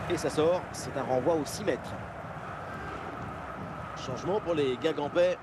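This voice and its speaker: A man playing an excited football play-by-play commentator, calling names in clipped bursts and surging on big plays. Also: a little high, unhurried, very noisy, natural voice. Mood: keen, engaged.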